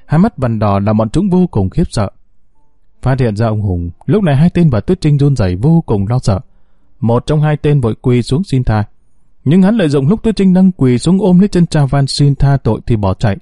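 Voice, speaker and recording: A man narrating a scripted story in a steady, measured way. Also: mid-range voice, dry recording, studio quality.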